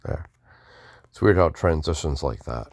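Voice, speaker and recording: A man's voice: extremely low pitch, lively intonation, a little slow, husky, dry recording, studio quality. A man casually talking through a video game playthrough, mumbling offhand asides and restarting words. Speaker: gamer doing a playthrough. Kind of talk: casual gameplay commentary.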